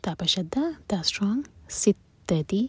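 A woman teaching Quran recitation rules, reciting verses slowly and drawn out, then explaining quickly in a soft, breathy, often whispered voice. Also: sits low, dry recording. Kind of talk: tajweed lesson, recite and explain.

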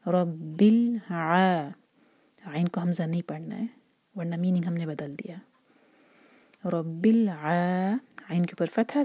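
A woman teaching Quran recitation rules, speaking softly and patiently, often in a half whisper, slowly sounding out example words. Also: fairly low pitch, husky, no room sound. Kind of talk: tajweed lesson with slow recitation examples.

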